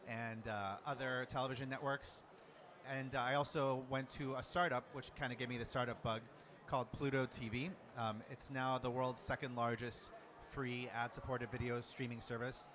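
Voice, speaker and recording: A man from the United States, a startup founder, introducing himself on a conference panel in a relaxed, conversational way. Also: medium pitch, noisy background. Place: conference room with audience. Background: crowd murmur.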